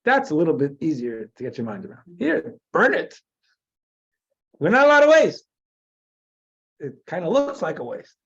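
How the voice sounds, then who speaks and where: An American rabbi from New Jersey teaches a Torah class in a fairly high, slightly rough voice whose pitch swoops wildly. He speaks at a moderate pace but pauses often, halting, restarting, and repeating words as he thinks aloud. The recording sounds dull and lo-fi.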